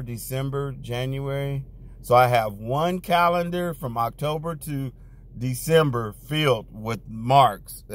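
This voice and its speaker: A man preaching, telling his own testimony in a conversational, storytelling way, growing fervent at times. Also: mid-range voice. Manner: conversational storytelling, many restarts and "you know"; grows loud and fervent when recounting prayer. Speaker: pastor. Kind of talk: sermon testimony.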